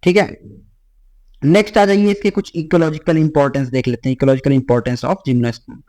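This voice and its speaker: A man teaching a biology exam-prep lecture. He mixes Hindi with English lines he reads slowly and keeps checking in with "theek hai.". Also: a little high, steady tone, a little mellow. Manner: repeats "ठीक है" as a check-in with students.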